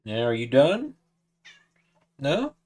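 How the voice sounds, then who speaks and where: A man's voice: mid-range voice, wildly swooping pitch, slow, darkish tone. A man in his twenties chatting casually on a livestream, talking to his cat in a coaxing sing-song voice. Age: 20s. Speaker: streamer.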